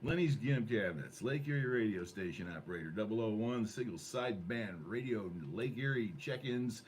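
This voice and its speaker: A man's voice: on the low side, lively intonation, normal speed. A man hosting an amateur radio club net in a casual, rambling, jokey way. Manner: jokey, with mock sponsor plugs. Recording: noisy ham radio room recording.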